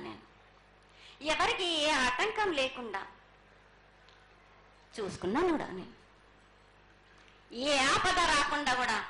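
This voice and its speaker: A bright, forceful, high-pitched woman speaks in a prophetic trance as a goddess. Her pronouncements are incantatory and repetitive. The live recording is echoey, with faint noise around her. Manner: incantatory, repetitive, declaring blessings in first person as a goddess. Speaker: ritual oracle speaking as the goddess Mahankali. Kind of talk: prophetic trance oracle pronouncement at a temple festival. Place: live temple festival ceremony.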